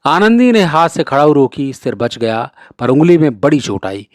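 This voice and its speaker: A man reading a classic short story aloud as a storyteller, with steady, expressive narration. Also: on the high side, normal speed, no room sound, studio quality.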